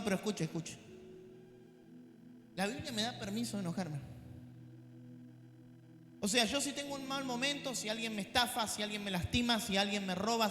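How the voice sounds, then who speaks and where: A male pastor with a Rioplatense accent preaching a sermon, animated and dropping joking asides to the congregation. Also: high voice. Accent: Rioplatense Spanish. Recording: echoey church hall with faint music.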